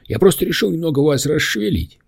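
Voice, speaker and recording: A man voicing a small, mischievous male demon who talks in a high, squeaky, excitable way in an audiobook. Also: quick pace, creaky, slightly rough, dry recording, clean studio sound, exaggerated voice. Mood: teasing.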